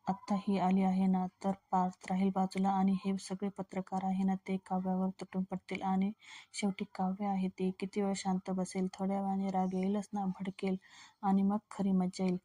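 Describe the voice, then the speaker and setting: A woman's voice: mid-range voice, monotone, moderate pace, mellow, close to an everyday voice. Brief: plotting aunt, gleeful schemer, as a woman narrator reads her. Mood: scheming. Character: scheming middle-aged aunt.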